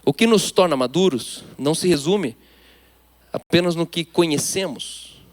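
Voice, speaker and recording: A man with a Brazilian Portuguese accent preaching a sermon, emphatic, his delivery swinging between loud declarations and hushed asides. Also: on the high side, measured pace. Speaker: pastor.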